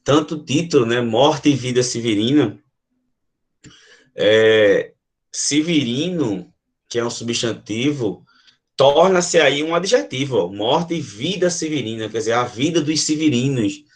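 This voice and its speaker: A man's voice: medium pitch, expressive, measured pace. A man with a Brazilian Portuguese accent, teaching a literature lesson and explaining step by step, with many fillers and frequent check-ins.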